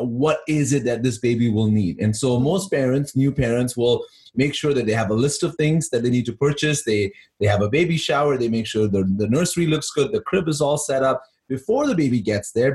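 A man's voice: medium pitch, fairly quick, a little mellow. A man co-hosting a ministry podcast from an office, upbeat and chatty. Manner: upbeat, many fillers and restarts. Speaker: podcast co-host. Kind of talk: podcast conversation. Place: office in Toronto.

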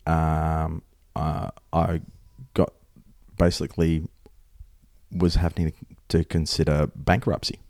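An Australian man talks casually as a podcast co-host, with a blunt, sweary way of putting things. His voice is deep, recorded dry with no room sound. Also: flat delivery, takes it slowly, darkish tone, no room sound. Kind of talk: casual conversational storytelling.

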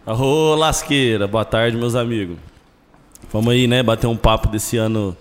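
A man's voice: medium pitch, a little slow. A Brazilian man chatting casually as a podcast co-host. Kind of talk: casual chat. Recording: long hall-like reverb.

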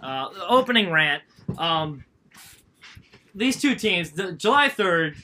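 A high, very bright male voice that rattles through a story. He co-hosts a casual sports podcast and acts out other people's lines, jumping into loud, shouted quotes. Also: lively intonation, slow pace, slight background noise. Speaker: podcast co-host.

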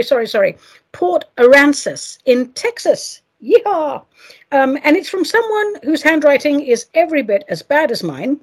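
A woman's voice: high voice, darkish tone, breathy edge. A middle-aged woman hosting a solo podcast, reading listener mail with playful, theatrical asides. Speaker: podcast host.

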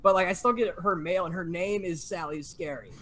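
A young man telling a story in casual chat, animated and full of fillers and restarts. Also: sits high, a little fast. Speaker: podcast guest telling a story.

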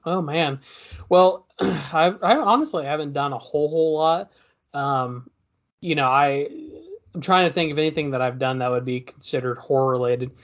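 A man's voice: a little high, moderate pace. Easygoing man co-hosting, slightly muffled audio. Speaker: podcast co-host. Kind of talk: casual chat.

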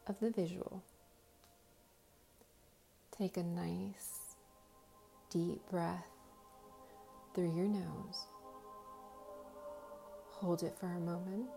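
A woman with a slow hypnotist voice, low and full of gravelly fry. She guides relaxation in short, soothing phrases, leaving long pauses, with faint music underneath. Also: dark tone. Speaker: host of guided meditation and hypnosis sessions.

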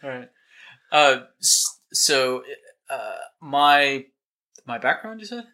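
A man's voice: mid-range voice, big pitch swings, slow pace, pushed and bright, poor audio. A man from the United States, a chiropractor, chatting as a podcast guest, talkative and wry, often restarting sentences. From United States, near Boston. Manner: talkative, self-correcting, wry. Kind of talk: casual podcast chat.

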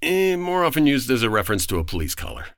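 A man's voice: medium pitch, very animated, quick pace, a bit bright, no echo. An actor playing an exasperated, sardonic 1940s man in a noir comedy radio drama, with a dry and formal way of talking. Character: exasperated, sardonic 1940s male writer dragged into trouble.

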